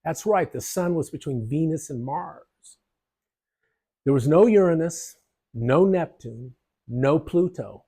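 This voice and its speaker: A man presenting an illustrated history lesson, explaining in a lively, jokey way with casual asides. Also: fairly high pitch, slow, husky. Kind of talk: narrated history lesson over slides.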